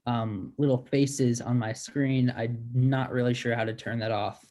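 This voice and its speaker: A hesitant East Coast expert who stumbles through his answers, improvised by a man. His voice is mid-pitched and plain, coming through a video call. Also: fairly even intonation, dark tone, natural voice. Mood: apologetic. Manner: halting, hesitant with many ums. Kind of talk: improvised comedy role-play.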